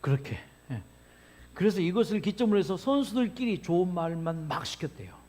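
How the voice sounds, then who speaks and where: Male health lecturer, high voice with big swings, rhetorical questions to the room. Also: fairly quick. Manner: animated, asks the audience questions and answers himself.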